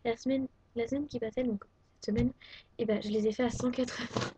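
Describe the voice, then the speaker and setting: A woman's voice: on the high side, fairly even intonation, fast, background noise. A teenage girl from France chatting casually and hesitantly at home, showing off her crafts to a webcam. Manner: chatty and hesitant, many fillers. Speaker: craft vlogger. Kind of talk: casual show-and-tell. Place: at home, indoors. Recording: dull lo-fi webcam audio. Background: faint vacuum cleaner.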